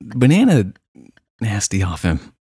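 A man co-hosting a podcast, bursting in with excitable enthusiasm in casual chat. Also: fairly low pitch, unhurried, breathy edge, no echo, clean studio sound. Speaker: podcast co-host.

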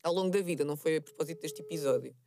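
A woman's voice: low-pitched, very fast, dark tone. A woman podcast host with a European Portuguese accent, chatting in a rambling, self-deprecating way. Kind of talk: casual chat.

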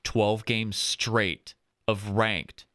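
A young man hosting a casual gaming podcast, chatting and running through plugs and shout-outs. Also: fairly low pitch, flat delivery, extremely slow, dry recording, clean studio sound. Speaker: podcast host.

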